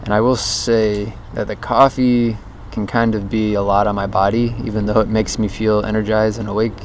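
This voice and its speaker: A man's voice: on the low side, little pitch movement, normal speed, a little hiss or hum. A young man speaking a rambling, reflective audio diary into a handheld voice recorder outdoors under a bridge. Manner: rambling and reflective, full of "like" and "you know". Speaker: self-recording audio diarist. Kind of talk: casual spoken audio diary.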